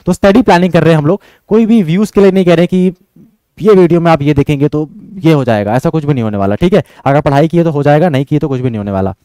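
A man's voice: a little high, expressive, mellow, smooth, dry recording. A young man coaching students on exam strategy, direct and insistent, who keeps checking in with his listeners. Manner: fast, repeatedly checks in with "ठीक है?".

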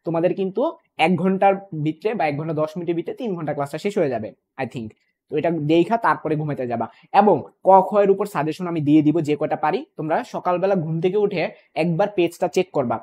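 A man's voice: a little high, warm tone. A young man teaching an online physics exam-prep class, repeating points and checking in often with his students. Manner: fast, repetitive, checks in with "okay?" and "clear?". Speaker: physics tutor.

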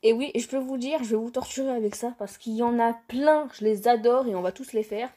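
A woman's voice: on the high side, fairly quick, mellow. Playful young woman commenting on gameplay. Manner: playful, bursts into squeals and laughter, talks to characters. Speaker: gaming youtuber.

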